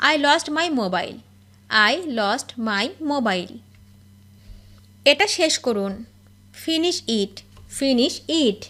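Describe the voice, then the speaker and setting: A woman teaching spoken English, reading each phrase and then repeating the English slowly and clearly. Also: a little high, a bit bright. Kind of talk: slow phrase-by-phrase language drill.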